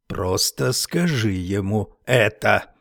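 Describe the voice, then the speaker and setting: Man voicing a cruel armed thug, slow, threatening, storybook reading, dry close sound. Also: on the low side, expressive, vocal fry, a bit bright, no echo, exaggerated voice. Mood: menacing.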